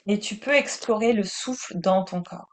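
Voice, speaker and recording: A woman with a French accent teaching breathing and meditation in a calm, soothing manner. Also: medium pitch. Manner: slow, calm, soothing delivery.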